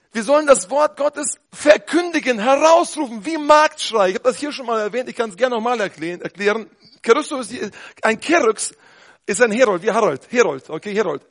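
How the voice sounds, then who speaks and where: Fervent high-voiced preacher man. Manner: fervent, switches between quiet talk and shouting. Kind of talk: sermon.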